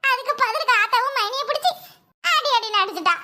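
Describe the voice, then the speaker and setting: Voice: very high-pitched, lively intonation, quick pace, sharp tone, heavily acted. A voice actor playing a melodramatic young woman in a cartoon comedy, wailing and half laughing as she laments. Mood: whining.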